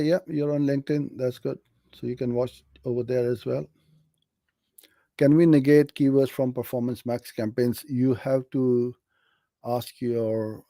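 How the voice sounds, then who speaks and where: In a live Q&A about online advertising, a middle-aged Pakistani host answers viewer questions with friendly, direct, practical advice. His voice is mid-range with a dark tone, captured in a dry recording.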